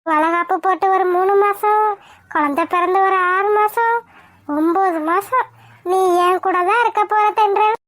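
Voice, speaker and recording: A woman's voice: extremely high pitch, a little slow, a bit bright, no room sound. A woman voicing a fussy elderly grandmother in a cartoon, scolding and pleading tearfully. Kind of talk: cartoon voice acting.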